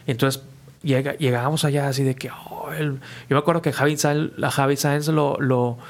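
A man, a musician guest casually telling stories in an animated, slangy way and acting out the people he quotes. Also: medium pitch, brisk. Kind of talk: casual storytelling.

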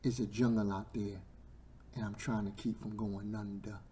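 Preacher, man, hoarse from a sore throat. Impassioned and repetitive, low-voiced, swings from shouting to whispers. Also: little pitch movement, moderate pace, slight background noise. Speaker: preacher and podcast host. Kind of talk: sermon.

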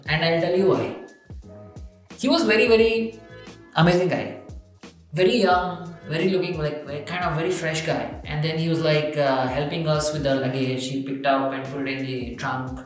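A man's voice: fairly high pitch, moderate pace, faint music behind. Enthusiastic man telling a story, very echoey. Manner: enthusiastic, emphatic, filler-heavy. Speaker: travel storyteller. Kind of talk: casual storytelling monologue. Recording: very echoey room.

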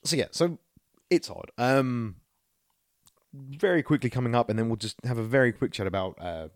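Speaking at a moderate pace in a mid-range voice, a male podcast co-host rambles casually and sweary about movies and video games. It's studio-quality audio with no audible room.

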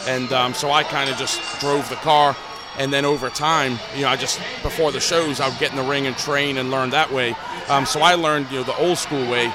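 Over loud music and crowd noise, a Newcastle-born pro wrestler responds to an interviewer in a relaxed way, using many filler words. He has a medium pitch and steady tone, speaking a little fast.

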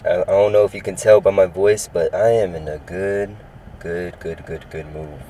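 A California man in his early twenties hosts his own casual solo sports podcast, upbeat and rambling and repeating himself. His voice sits low and steady at a moderate pace with a mellow quality, though the recording is rough.

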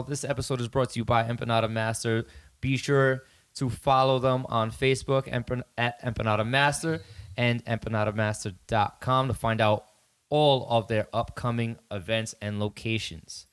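A man with a medium-pitched voice hosts a casual podcast. He addresses his co-hosts informally and sets out his points deliberately, piece by piece. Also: steady tone, clear, resonant tone. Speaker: podcast host.

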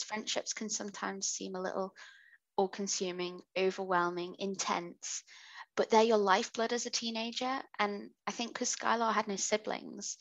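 A woman's voice: mid-range voice, gravelly, fairly bright tone, low-quality recording. A British woman hosting a podcast, reading out a true crime case with chatty asides. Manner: chatty asides while narrating. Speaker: podcast host.

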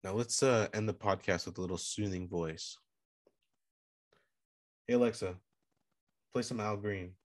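Rambling, low-voiced male podcast host. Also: measured pace, pauses often, no echo, clean studio sound. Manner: rambling, playful and self-promoting; motivational life advice. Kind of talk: casual solo podcast monologue.

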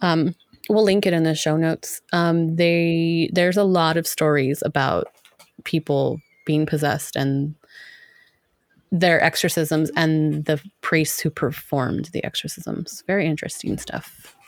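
A woman's voice: low voice, steady tone, unhurried, dry recording. A woman co-hosting a podcast in casual chat, talking with many likes and ums and laughing often. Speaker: podcast co-host.

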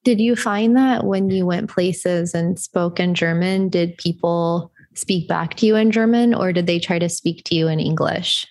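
A woman's voice: on the low side, measured pace, hardly any pauses, a little mellow. An American woman hosting an interview, asking friendly, chatty follow-up questions. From United States. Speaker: host. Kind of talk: casual interview.

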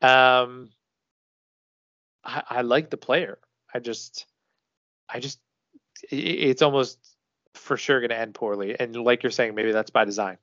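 A man's voice: mid-range voice, steady tone, measured pace, pauses often, a bit bright, no echo. A man co-hosting a casual sports podcast, talking loosely with swearing and restarts. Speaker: podcast co-host. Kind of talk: casual hockey podcast chat. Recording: dull lo-fi dry sound.

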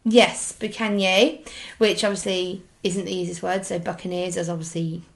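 A woman's voice: lowish voice, little pitch movement, normal speed, creaky. A woman co-hosting a casual history podcast, talking hesitantly with many ums and restarts. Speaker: podcast co-host.

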